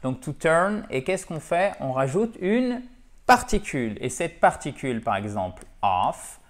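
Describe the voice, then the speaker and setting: Man, English teacher, patient explanations, checks understanding, lively lesson. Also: a little high, a little slow. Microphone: camera.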